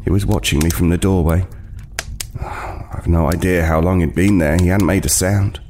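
Here a man's natural voice sits low, darkish in tone, with fairly even intonation and normal speed, over slight background noise. Playing an uneasy homeless man in an audio drama, he recounts a frightening tale in the first person, brooding, hesitant, tripping over words, and haunted.

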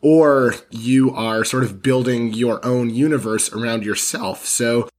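A man guesting on a podcast while sick, sounding hoarse and talking thoughtfully with wry sarcasm. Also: mid-range voice, steady tone, a little slow, a little mellow. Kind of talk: casual podcast discussion.

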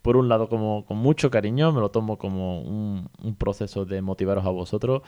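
A man's voice: lowish voice, fairly even intonation, fairly quick, warm tone, clean tone, dull audio. A man from Spain hosting a casual solo podcast, chatty and swearing casually as he acts out the people he quotes. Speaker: podcast host. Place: hotel room.

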